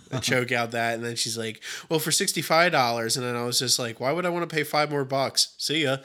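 A man co-hosting a podcast in casual chat, telling stories in a halting way full of fillers and restarts. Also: mid-range voice, bright, forceful tone. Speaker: podcast co-host.

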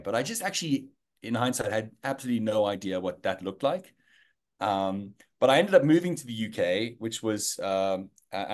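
Appearing as a guest in an interview, this thirty-something South African man speaks casually, restarting often and using lots of fillers. His voice is fairly low in pitch and a little mellow.

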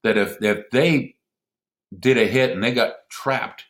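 A middle-aged man, a former airman, telling lively anecdotes in a casual conversation and chuckling often. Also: mid-range voice, measured pace. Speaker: podcast guest, former military airman.

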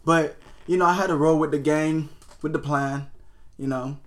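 A man's voice: a little high, fairly even intonation, normal speed. A man co-hosting a casual podcast chat, filling his talk with "you know" and slang. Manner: laid-back slangy talk, many "you know" fillers. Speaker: podcast co-host.

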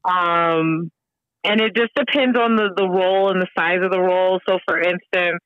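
A guest opera singer from Georgia in the American South chats casually in an interview, animated, laughing often and using lots of fillers. Her voice is on the low side at a moderate pace, recorded dry with phone-like quality.

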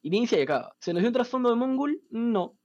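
A man, casually retelling a comic story as a podcast host, animated and profane. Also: very high voice, fast, highs cut off.

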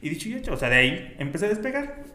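A man's voice: sits high, sing-song, racing, bright, forceful tone. A man with a Mexican accent, telling personal stories as an interview guest in casual, slang-filled chat. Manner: slangy storyteller, peppers speech with güey. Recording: roomy echo, faint ambience.

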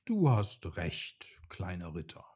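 A man's voice: medium pitch, takes it slowly, slightly rough, exaggerated voice. A man voicing a huge male sun spirit made of fire, mocking and haughty, in a children's storybook. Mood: solemn. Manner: mocking, then calm and solemn.

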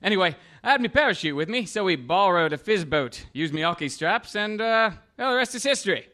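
A cheerful New Zealand daredevil in a comic adventure drama. He rattles off breezy slang cockily in a highish, bright voice with a New Zealand accent. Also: expressive, a little fast. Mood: breezy, excited.

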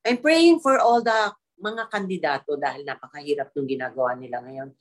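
A middle-aged actress chatting casually as a guest, telling animated stories and laughing often, slipping English into her talk. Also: deep voice, normal speed. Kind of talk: casual chat in an online interview.

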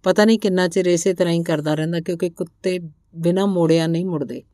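A woman voicing an eager, anxious young male herder in a read-aloud story, speaking a bit higher. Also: steady tone, fast talker, dark tone, dry recording, studio quality, lightly acted. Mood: helpful.

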